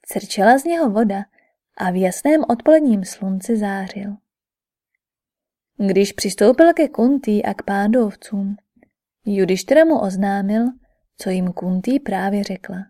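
A woman narrating a scripted epic audiobook in a measured, even storytelling manner. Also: mid-range voice.

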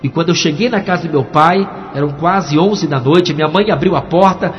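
Faint music accompanies this male pastor as he gives a dramatic testimony sermon at a moderate pace, voicing the characters in his story in a voice on the high side. The audio is dull and carries long hall reverb.

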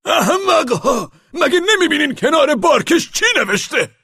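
A shrill, gravelly old donkey. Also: male voice, big pitch swings, no room sound, clean studio sound, full character voice. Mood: frantic shouting. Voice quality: gravelly, raspy, very high. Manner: shrill alarmed shouting. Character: old grumpy male donkey, suddenly frantic. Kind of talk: audiobook character voice.

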